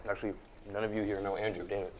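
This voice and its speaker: A man's voice: fairly low pitch, little pitch movement, very fast. A young man co-hosting a student show, chatting casually and joking around. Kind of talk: casual chat. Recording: dull lo-fi sound with faint noise.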